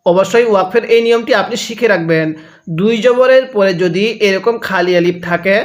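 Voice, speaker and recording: A man's voice: high voice, brisk. A male Quran teacher giving a reading lesson, drawing out words syllable by syllable and then explaining the rules, asking viewers to read along. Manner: asks the viewer to repeat after him.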